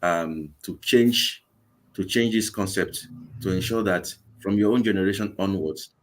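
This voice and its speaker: Man, forties, Nigerian English accent, lowish voice, earnest, repeats himself, interview guest on a video call. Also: measured pace. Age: 40s. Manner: earnest, repeats words often. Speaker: guest, vegan campaign organizer. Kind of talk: live interview.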